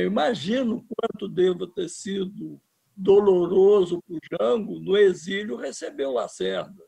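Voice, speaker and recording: Gravelly, husky older Brazilian man. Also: high-pitched, mellow. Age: 70s. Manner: impassioned, emphatic, restarts words. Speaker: interviewed filmmaker. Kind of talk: political interview.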